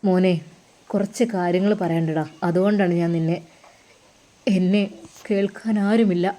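A woman's voice: medium pitch, mellow, close to an everyday voice. A woman voicing a remorseful older brother who pleads through tears. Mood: pleading, tearful. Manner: pleading, broken and tearful. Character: remorseful middle-aged man, older brother, weeping.

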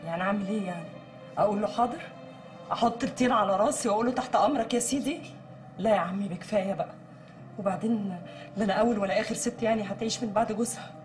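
A woman's voice: mid-range voice, racing, music in the background, natural voice. An actress playing an exasperated, defiant Egyptian woman in a TV drama. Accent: Egyptian Arabic. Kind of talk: TV drama acting.

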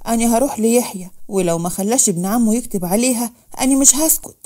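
A woman's voice: a little high, quick pace, dark tone, lightly acted. A woman voicing a firm, protective young woman who vows to force a wedding. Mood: determined. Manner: firm, defiant.

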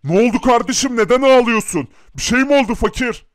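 A man voicing a calm, caring rich young man who speaks in a gentle, reassuring way. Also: very high voice, fairly quick, dry recording. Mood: concerned. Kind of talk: hobby animation voice acting.

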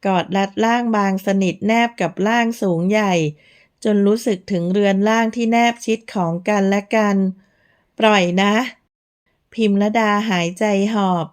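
A woman narrating a romance novel in a slow, measured, even reading voice. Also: medium pitch, smooth. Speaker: audiobook narrator.

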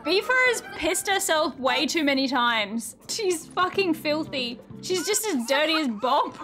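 High, lively woman swearing through a game. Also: a little slow, over music. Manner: swears a lot, laughs loudly, shrieks with laughter. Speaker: streamer playing a life sim game. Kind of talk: casual gameplay commentary.

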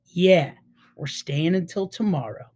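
A woman's voice: fairly low pitch, a little slow, darkish tone. Woman reading as a sheepish schoolboy. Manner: muttering, apologetic. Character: distracted, guilty schoolboy.

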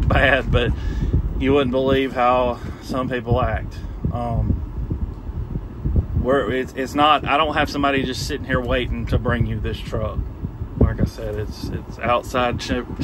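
A man selling a used truck in a plain-spoken, rambling way, full of fillers and restarts, filmed on a handheld phone outdoors at a truck lot. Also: medium pitch. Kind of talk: casual sales walkaround. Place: outdoors at a truck lot, later in a parked truck cab. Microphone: handheld phone camera. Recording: noisy outdoor phone recording.

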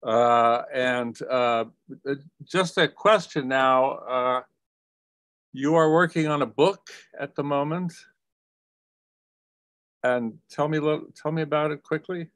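A man's voice: fairly high pitch, slow, long pauses, fairly bright tone, dry recording. Hesitant man hosting, dry close sound. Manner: hesitant, many "uh" fillers. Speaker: host. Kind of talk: interview moderation.

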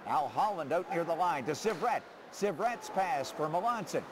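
Hockey announcer guy, clipped calls building to shouts, highish animated voice, super noisy arena. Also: normal speed. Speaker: play-by-play commentator. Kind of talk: excited hockey commentary.

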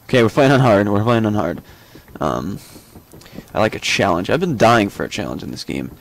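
A man's voice: fairly low pitch, very animated, fairly quick, creaky, a little hiss or hum. A young man casually commenting as he plays a video game, thinking aloud with lots of fillers and small joking asides. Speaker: gameplay commentator. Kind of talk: casual let's-play commentary.

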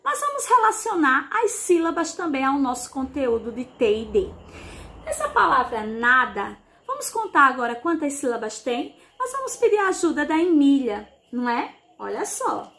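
A woman with a high, bright voice teaches a class of young children for a broadcast lesson. She talks slowly and in a sing-song way, stretching out sounds and asking little questions to keep the kids following. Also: sing-song, gravelly. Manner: slow, sing-song teacher talk with diminutives. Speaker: primary school teacher. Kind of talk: televised remote class for children.

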